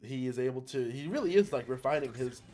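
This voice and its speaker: A young man giving an excitable, slangy anime recap, often laughing as he talks. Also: mid-range voice, fast talker, soft background music. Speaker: anime reviewer. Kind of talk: casual recap commentary.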